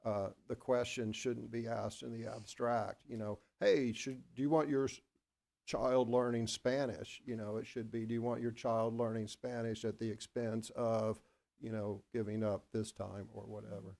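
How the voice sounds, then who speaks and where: An Oklahoma man on the school board talks through a board work session discussion, rambling and halting with many restarts and a self-deprecating manner. His voice sits on the low side, level in tone, gravelly and darkish.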